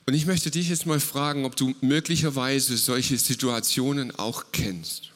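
A man preaching a lively, casual sermon, retelling a Bible story and mixing English words into his talk. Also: medium pitch, unhurried, in a large hall.

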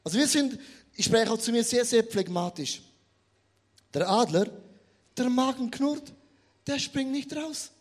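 A man with a strikingly high voice delivers a sermon. He tells the story with humor and energy, and he turns to the audience often to make his points land. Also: unhurried, long pauses. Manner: animated, humorous storytelling, addresses the audience directly. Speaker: preacher.

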